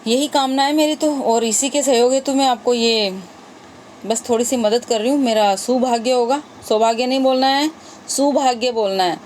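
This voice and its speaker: A woman's voice: on the high side, moderate pace, darkish tone, a little hiss or hum. A woman teacher going through exam-prep grammar questions, patiently repeating each question and its options aloud.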